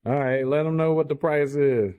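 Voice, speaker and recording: A man's voice: fairly high pitch, normal speed, clean tone, narrow, tinny audio. A man casually touring a house on camera, admiring the rooms and chatting with viewers. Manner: relaxed, admiring, talks to viewers as y'all. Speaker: home tour vlogger. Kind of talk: casual walkthrough chat.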